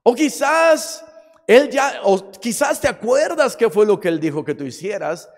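A man's voice: extremely high pitch, big pitch swings, a little slow. Pastor, male, impassioned sermon with fillers, lingering hall echo. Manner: impassioned, many hesitations and fillers. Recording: long hall reverb.

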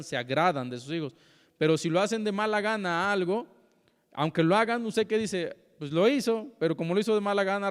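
A man's voice: on the high side, clean tone. A young man teaching a church Bible class in a conversational way, often checking in with his listeners. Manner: conversational, often asks "¿sí?" and addresses "hermanos". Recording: long hall reverb.

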